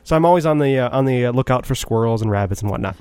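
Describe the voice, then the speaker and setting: A man co-hosting a podcast, telling stories in a relaxed, joking way with lots of hesitations. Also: medium pitch, very fast, smooth, dry recording. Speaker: podcast co-host. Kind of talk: casual storytelling chat.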